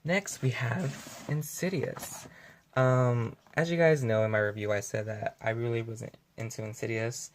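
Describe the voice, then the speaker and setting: A young man chats loosely to his camera from home, stumbling through fillers and correcting himself as he goes. His voice sits at an ordinary middle pitch. It keeps a gravelly, creaky edge throughout. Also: steady tone, measured pace, slight background noise. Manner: rambling, filler-heavy, self-correcting. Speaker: vlogger. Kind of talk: casual unscripted video review.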